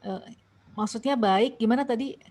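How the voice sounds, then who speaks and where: A woman's voice: fairly high pitch, normal speed, darkish tone. A young woman with an Indonesian accent guides a Bible study. She questions the group, reads scripture aloud and restarts her sentences often. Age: young adult. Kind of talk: online Bible study discussion.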